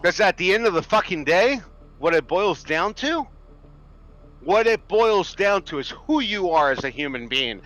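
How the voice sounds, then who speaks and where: With big swings in his high-pitched voice, a livestreamer in his thirties rants to viewers, preachy, profane and emphatic. He talks at normal speed with a fairly bright tone, and the recording is rough.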